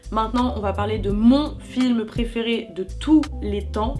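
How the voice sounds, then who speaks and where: A young woman chatting animatedly about films she loves, slangy and quick to correct herself. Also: on the high side, over music. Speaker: YouTuber. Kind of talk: casual film review vlog.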